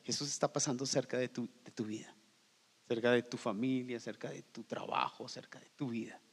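A man preaching a sermon as pastor, swinging from loud cries down to hushed near-whispers. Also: medium pitch, fairly even intonation, fairly quick, breathy edge, in a large hall.

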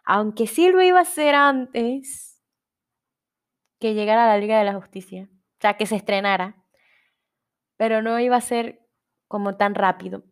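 This Panamanian podcast host, a young woman, talks at a normal speed in a clean, mid-range voice with frequent pauses. Hosting alone, she chats and rambles casually, breaking off mid-word again and again.

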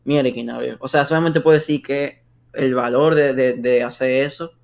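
A young man with a medium-pitched voice and a Dominican accent. He talks casually with friends, using lots of slang and checking in with short tag questions. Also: steady tone, normal speed, gravelly, darkish tone. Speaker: podcast co-host.

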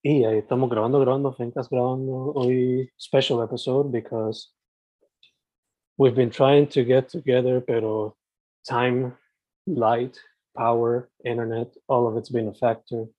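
A man's voice: medium pitch, level tone, unhurried, no echo, muffled recording. A man hosting a casual podcast interview, switching freely between two languages in mid-sentence. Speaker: podcast host.

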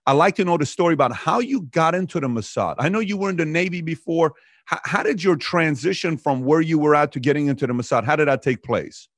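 A man hosting an interview, introducing his guest and asking questions in a brisk, casual way. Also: medium pitch, no echo, clean studio sound. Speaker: host.

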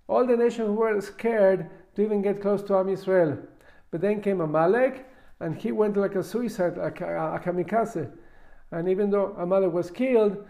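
A man giving a Talmud lesson as a religious teacher, reading and explaining in a halting, emphatic way with repeated words. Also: high-pitched, mellow. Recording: dull, lo-fi recording.

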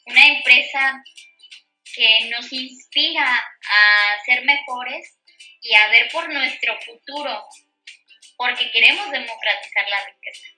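A woman's voice: high voice, takes it slowly, bright, forceful tone, echoey room, soft background music, rough recording. A woman co-host from Mexico, speaking in a lighthearted, upbeat way in a casual chat.

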